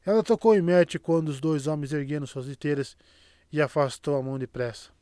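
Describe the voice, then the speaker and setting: A man's voice: fairly high pitch, brisk, clean tone, no room sound. Man narrating an audiobook, dry and close. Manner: steady, even storytelling. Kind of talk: scripted narration.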